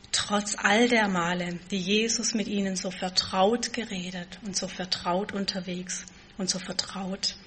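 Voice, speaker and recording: A woman preaching a sermon, stressing key words with force and then dropping to a soft, quiet tone. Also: medium pitch, a little hiss or hum.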